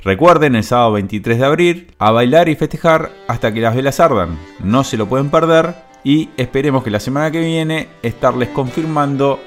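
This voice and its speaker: A man's voice: mid-range voice, animated, moderate pace, hardly any pauses, soft background music. A man reading an upbeat radio announcement in a promotional manner. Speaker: event announcer.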